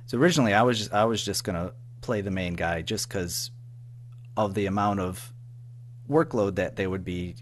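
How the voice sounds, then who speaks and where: A man with a fairly deep voice, a writer-producer of audio dramas, chats casually as an interview guest. His speech is halting, with repeated words and phrases that trail off, and faint background noise and hum run under the recording.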